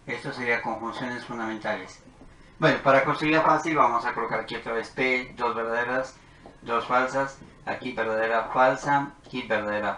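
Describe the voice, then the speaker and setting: A man's voice: medium pitch, sharp tone. A man teaching a logic lesson, talking methodically through truth tables as he writes them out. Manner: methodical, talks while writing tables. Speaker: math teacher. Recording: echoey room with faint noise.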